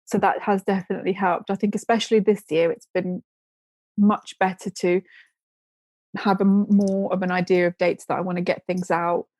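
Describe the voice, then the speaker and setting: A woman's voice: mid-range voice, flat delivery, moderate pace, a little mellow, no echo. A woman guest chatting casually in an interview, rambling with restarts and giggling now and then. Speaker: podcast guest, ceramics business owner.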